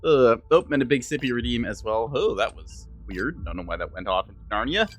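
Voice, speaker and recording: A man's voice: medium pitch, animated, a little fast, faint music behind. A man streaming a strategy game, giving casual, joking commentary full of fillers. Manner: joking, rambling, lots of fillers.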